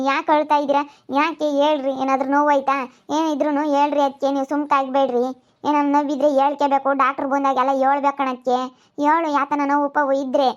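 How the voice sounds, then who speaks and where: A woman's voice: sits high, highs cut off. A woman, a family caregiver asking caring, coaxing questions.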